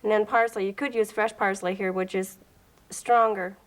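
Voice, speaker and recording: A woman's voice: mid-range voice, steady tone, normal speed, rough recording. A woman demonstrating a recipe on a 1980s TV show, plainspoken and instructive. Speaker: guest cook. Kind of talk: cooking demonstration. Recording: 1980s TV broadcast audio.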